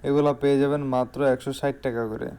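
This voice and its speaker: Male shop salesman, Bangladeshi accent, clean smooth voice, soft mellow timbre, informal product showcase, emphatic repetition. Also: medium pitch, level tone, fast talker.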